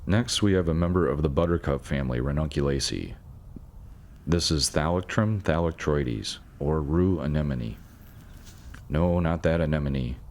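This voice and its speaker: Very deep-voiced man narrating plants. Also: darkish tone, slight background noise. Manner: measured, informative, dry asides about pronunciation. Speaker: nature video narrator. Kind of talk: scripted educational narration.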